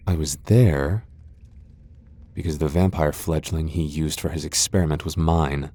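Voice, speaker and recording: In an ASMR roleplay drama, a man voices a proud vampire lord with an extremely low, dark, mellow voice. He plays a guarded loner, sardonic and haughty, unwilling to let anyone near. His delivery is heavily acted, a little slow and fairly even in intonation, with a sorrowful, guarded mood.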